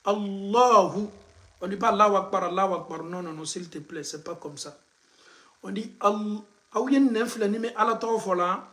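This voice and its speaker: A man, an imam teaching the call to prayer and drilling its pronunciation through slow repetition. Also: high voice, a bit bright. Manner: switches between French and Bambara, drills pronunciation by slow repetition. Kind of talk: religious lesson.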